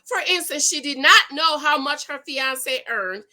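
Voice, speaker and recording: This YouTube commentator on money and marriage has a high, ringing voice that's bright and sharp. Reading a news story aloud at normal speed, she comments casually along the way, loud and excitable, preaching animatedly and repeating points for emphasis so her voice carries.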